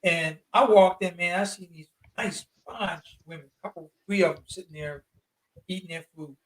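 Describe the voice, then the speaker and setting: A man in his fifties with a notably high voice, talking as an interview guest. His delivery is animated and slangy, and he leans hard on his points. He sits a little back from the microphone. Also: moderate pace, recorded from a distance, slight background noise, poor audio. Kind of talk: casual storytelling.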